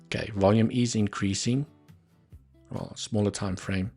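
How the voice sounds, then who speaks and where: Faint music sits behind this livestream trading host as he gives live market analysis commentary at a measured pace. His voice is fairly low and darkish, his tone steady. A South African man whose first language is Afrikaans, he mutters asides while thinking aloud over the charts.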